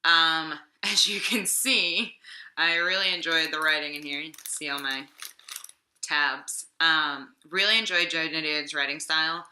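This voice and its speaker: Sitting low and steady, this young woman's voice is a bit slow, pushed and bright, and slightly sick. She's a book vlogger rambling casually about the week's reads with lots of fillers, recorded in an echoey room at home.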